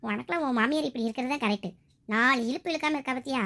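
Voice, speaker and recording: A woman's voice: high voice, rapid-fire, fairly bright tone. A woman performing a comic family skit, chatty and teasing. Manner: chatty, teasing, plays several roles.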